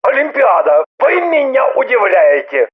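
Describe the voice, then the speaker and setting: A woman's voice: on the high side, sing-song, a little slow, narrow, tinny audio, voice pushed up. A woman reading an audiobook and voicing a wry, teasing middle-aged man who argues stubbornly. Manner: dry joking, stubborn. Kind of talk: audiobook character voice.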